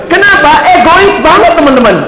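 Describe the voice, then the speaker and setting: A man giving a humorous youth sermon, telling stories in a lively way, teasing his listeners and asking rhetorical questions. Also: very high-pitched, fairly quick. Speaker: youth speaker. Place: large hall. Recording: echoey hall, faint background hum.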